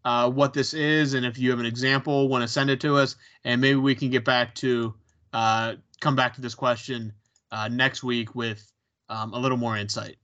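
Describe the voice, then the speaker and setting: Speaking at a moderate pace, this man has a medium-pitched, fairly bright voice that barely changes in pitch. He co-hosts a podcast in a Pittsburgh accent, rambling casually with frequent ums and restarts, and the recording sounds dull and lo-fi.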